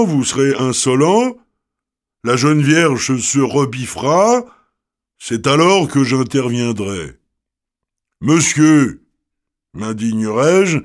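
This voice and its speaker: A man voicing a pale, sad young man in love who lays out a plan earnestly and a bit pompously. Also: mid-range voice.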